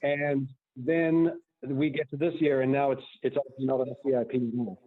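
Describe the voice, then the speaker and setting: A man's voice: medium pitch, level tone, fairly quick, dry recording. A man calling in to give public comment at a city meeting, his call audio wobbling and warbling as he talks earnestly with many repeated words. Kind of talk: public comment on a budget item. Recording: tinny phone line.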